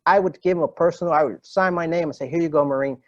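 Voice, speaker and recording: A man's voice: fairly high pitch, fast, dry recording, lo-fi sound. A man in his fifties, a retired Marine sergeant, telling stories in an interview, acting out quoted dialogue with many fillers and restarts. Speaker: retired Marine master gunnery sergeant, podcast guest. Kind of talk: casual interview storytelling.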